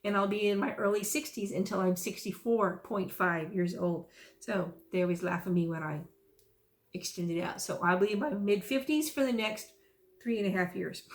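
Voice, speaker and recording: A woman in her 50s from South Texas runs a stitching vlog, where she chats casually at a moderate pace in a medium-pitched voice. Her talk rambles into folksy asides that make her laugh at herself.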